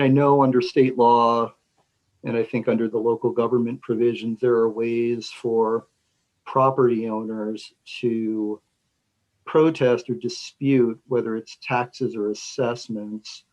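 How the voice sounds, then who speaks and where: Brief: male commissioner, even monotone delivery, deliberate questioning. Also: mid-range voice, poor audio. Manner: deliberate questioning, some fillers. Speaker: city commissioner. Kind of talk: formal public meeting questions. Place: city council meeting.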